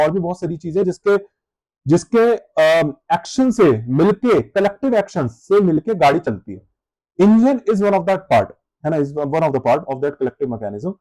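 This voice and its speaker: A man's voice: high voice, a little mellow, dry recording, low-quality recording. Insistent male lecturer, dry close mic. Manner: addresses students as 'beta', direct and insistent. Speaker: teacher. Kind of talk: online exam-prep lecture.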